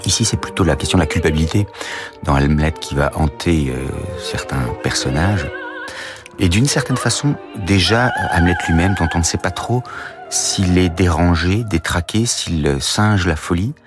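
A male music commentator talking through a topic thoughtfully and hesitantly, with many pauses and fillers. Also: low voice. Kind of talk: studio discussion.

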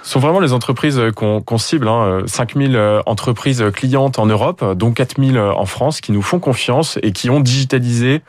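A man's voice: mid-range voice, normal speed, few pauses, dry recording, studio quality. A man, a company founder, answering interview questions in a hesitant way, with many fillers and repeated words.

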